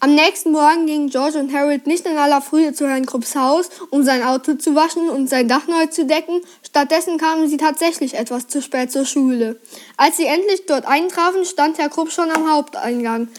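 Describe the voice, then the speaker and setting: Woman reader with a high voice, lively storybook reading for kids. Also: normal speed. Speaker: reader presenting a children's book. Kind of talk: reading a children's book aloud.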